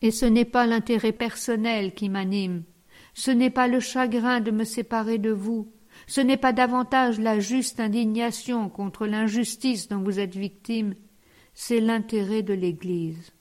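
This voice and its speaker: A woman's voice: fairly high pitch, fairly even intonation, unhurried, darkish tone, natural voice. A woman reading the part of a young male curate, earnest and grave in tone.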